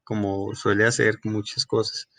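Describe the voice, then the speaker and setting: A man's voice: lowish voice, flat delivery, moderate pace, vocal fry, fairly bright tone, dry recording. A man with a Colombian accent teaching a class, explaining step by step with many fillers and restarts and checking with his students as he goes. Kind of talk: recorded class lecture.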